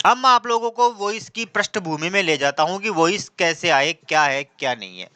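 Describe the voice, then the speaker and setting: Male tutor, exam-prep grammar lesson, clear and smooth voice, dry close mic, repeats every point. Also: high-pitched, lively intonation, moderate pace, pushed and bright, dry recording. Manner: asks questions and answers them himself, with repetition. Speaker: teacher.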